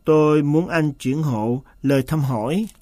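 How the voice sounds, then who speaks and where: A man's voice: fairly high pitch, measured pace, darkish tone, no echo, natural voice. A sullen manservant answers back here, as a man reads him aloud. He denies everything in a stubborn, grudging way. The sound is dry and close, like a storybook read at the mic. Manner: stubborn, insistent denials. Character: sullen, evasive male manservant.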